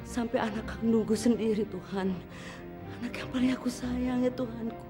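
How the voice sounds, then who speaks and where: A woman's voice: a little high, fairly even intonation, moderate pace, over music, natural voice. An actress playing a distraught middle-aged mother who scolds her grown son and then despairs. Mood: despairing. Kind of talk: TV drama acting.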